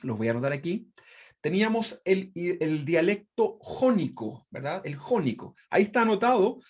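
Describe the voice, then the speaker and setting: A man's voice: sits high, sing-song, moderate pace, husky. A man teaching a Bible study class, explaining step by step, often checking in with "right?" and restarting words. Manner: explanatory, repeats "¿verdad?" often, frequent restarts; refers to projected slides.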